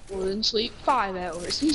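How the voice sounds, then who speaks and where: A teenage girl chatting and teasing a friend while playing a shooter game on stream. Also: mid-range voice. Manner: teasing, excitable, quick outbursts. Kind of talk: casual gaming banter. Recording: noisy home stream audio.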